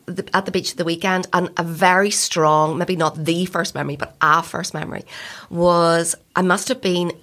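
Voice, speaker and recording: A woman's voice: lowish voice, steady tone, normal speed, fairly bright tone. Reflective Northern Irish woman guest. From East Belfast. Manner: reflective, hesitant, many fillers. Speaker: guest, yoga studio co-founder. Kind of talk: casual interview chat.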